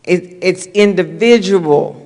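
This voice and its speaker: A woman's voice: on the low side, slow, darkish tone. Older woman minister, earnest and conversational, church hall reverb. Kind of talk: sermon-style talk to a congregation. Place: church sanctuary.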